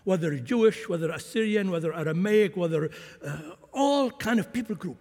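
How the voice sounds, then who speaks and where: Delivering a fervent sermon at a normal speed, a Syrian-raised man lets his volume surge and drop. His high-pitched voice is expressive with a darkish tone, echoing in a long hall reverb.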